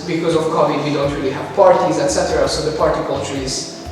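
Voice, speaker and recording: A young man, late teens, talks in a loose, chatty way and laughs a lot. His voice sits a touch high. He is heard from across a big, echoing hall with a faint hiss behind him. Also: steady tone, fast. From Hungary. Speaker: student. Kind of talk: casual Q&A chat. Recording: echoey hall from far off.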